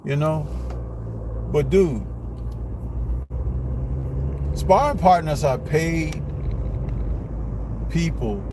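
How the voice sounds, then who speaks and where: Slow-talking man ranting on a noisy live stream. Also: on the high side, lively intonation. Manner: blunt, rambling opinionated rant with rhetorical questions. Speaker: boxing commentary host. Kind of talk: casual live commentary. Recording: noisy live stream with street and car noise.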